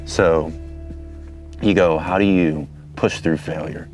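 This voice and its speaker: A man in his thirties from Detroit, a Marine captain giving an earnest, halting personal testimony. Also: low voice, steady tone, darkish tone, faint music behind. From Detroit, Michigan, USA. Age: 30s. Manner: earnest, halting, searching for words.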